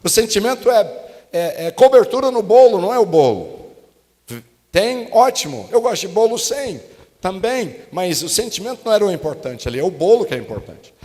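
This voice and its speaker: A guest pastor from the United States tells a story in his sermon, animated and acting out his own grumbling. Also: high voice, a little fast. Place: church meeting hall. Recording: long hall reverb.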